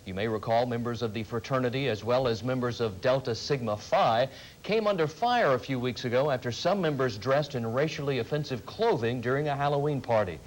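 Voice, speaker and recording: A man's voice: medium pitch, a little fast, poor audio. A man anchoring a local television newscast, reading scripted news.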